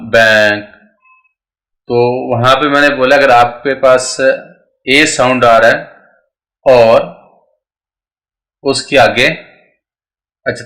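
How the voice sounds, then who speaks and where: Bright-voiced man teaching pronunciation. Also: mid-range voice. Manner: explains step by step, checks in with listeners. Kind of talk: explaining pronunciation rules.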